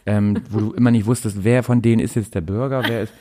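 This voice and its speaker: A man's voice: on the low side, steady tone, fast talker, mellow. A man co-hosting a comedic podcast, telling stories in a playful way and laughing often. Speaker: podcast co-host. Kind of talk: casual comedic chat.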